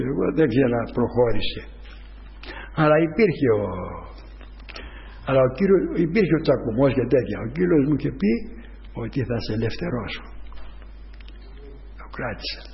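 A man's voice: mid-range voice, lively intonation, gravelly, pauses often. Man preaching testimony in an echoing hall. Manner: rambling storytelling with many restarts, preaching fervently. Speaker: church member giving testimony. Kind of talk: spoken testimony to a congregation. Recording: dull sound with long hall reverb.

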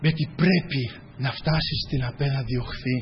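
A man preaching a sermon with fervent, repeating phrases and frequent hallelujahs, his voice hoarse. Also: medium pitch, in a large hall, highs cut off, a little hiss or hum.

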